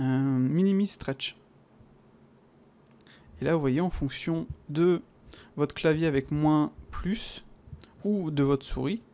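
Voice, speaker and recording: A French-accented man walks through a software tutorial in a loose, chatty way, dropping fillers and playful sound words as he clicks along. His voice sits a little high for a man and has a gravelly edge. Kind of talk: casual screen-recorded tutorial.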